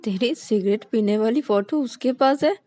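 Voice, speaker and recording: A woman's voice: on the high side, normal speed, mellow, voice pushed up, close to an everyday voice. Woman doing a bossy young woman friend. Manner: insistent, giving orders. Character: bossy young woman giving blunt advice.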